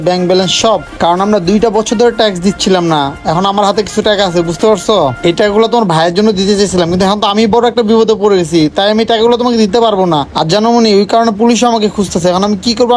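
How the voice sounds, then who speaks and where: A man's voice: high voice, close to an everyday voice. A man playing a young man fooled by a greedy girlfriend, pleading and then indignant. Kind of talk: amateur comedy skit acting.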